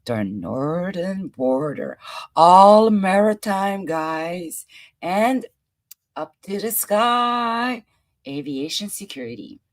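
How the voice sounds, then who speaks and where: Taking her time, a woman with a low, animated voice and a French accent hosts a casual show commenting on news clips. She's chatty and playful, laughing and wondering aloud.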